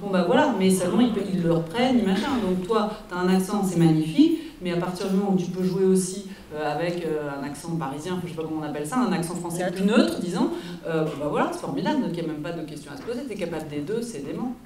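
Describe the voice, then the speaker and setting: A woman on a public panel about casting, talking in animated bursts with many restarts and fillers. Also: on the low side, fast talker, crowd noise. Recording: echoey hall, recorded from a distance.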